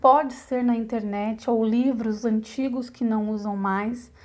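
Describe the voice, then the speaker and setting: A woman's voice: on the high side, fairly even intonation, a little slow, a little mellow. A Brazilian woman teacher giving a recorded video lesson to young pupils, explaining patiently step by step and checking in often. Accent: Brazilian Portuguese. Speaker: primary school teacher.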